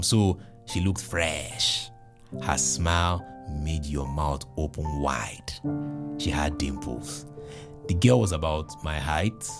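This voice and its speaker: With a deep bass voice and a Nigerian accent, a male podcast host tells a funny personal story, animated and joking, full of exclamations.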